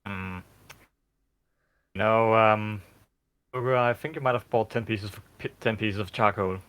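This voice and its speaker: A player speaks for their character in a tabletop game. They keep the remarks dry and deadpan. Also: medium pitch, measured pace.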